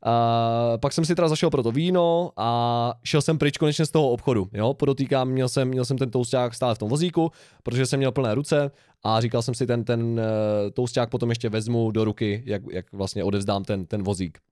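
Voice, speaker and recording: A man's voice: mid-range voice, a little mellow, dry recording, clean studio sound. A young man co-hosting a podcast, telling a rambling, laughing anecdote in casual chat. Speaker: podcast co-host.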